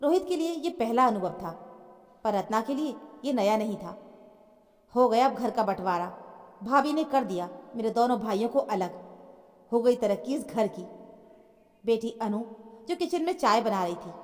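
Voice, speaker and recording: A woman's voice: a little high, expressive, moderate pace, pauses often. Woman storyteller with echoing reverb. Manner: voices each character in turn, rising louder in quarrels. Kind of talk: scripted narration with acted dialogue.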